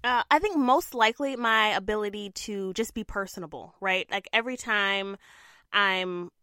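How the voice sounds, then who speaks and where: A woman's voice: medium pitch, moderate pace, bright, forceful tone, no room sound, clean studio sound. A young woman co-hosting a casual podcast, with a throaty, nasal voice, chatting and laughing often. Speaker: podcast co-host and TV news reporter.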